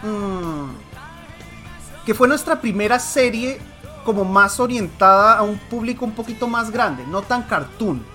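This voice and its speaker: A man's voice: high-pitched, expressive, a little slow, bright, forceful tone. A Colombian man hosting a podcast live on a stream, talking casually and animatedly, dropping swear words and restarting his sentences. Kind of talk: casual chat. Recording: faint background music.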